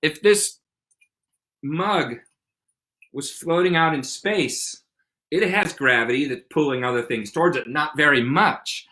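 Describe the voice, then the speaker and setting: A middle-aged man talks science to a young audience, full of enthusiasm. He acts out small scenes to make a point. His voice is bright and forceful. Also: a little high, unhurried, pauses often. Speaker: host. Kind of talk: explaining science to kids on a live stream.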